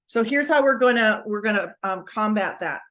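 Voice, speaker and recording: A woman giving an energetic, emphatic motivational talk on a group call, asking her listeners questions. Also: mid-range voice, normal speed. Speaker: motivational speaker.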